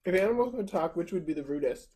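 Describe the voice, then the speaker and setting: Woman from St. Louis, lower register, casual storyteller eating on camera. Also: animated, fast talker, mellow. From St. Louis, Missouri, US. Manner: chatty storyteller, talks while eating. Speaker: co-host. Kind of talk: casual mukbang chat.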